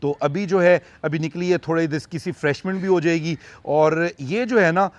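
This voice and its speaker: A man's voice: fairly high pitch, moderate pace, no room sound, dull audio. Chatty man. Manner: chatty, rambling, with many fillers. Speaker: vlogger and animal farm keeper. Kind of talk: casual vlog commentary. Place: outdoors by animal enclosures.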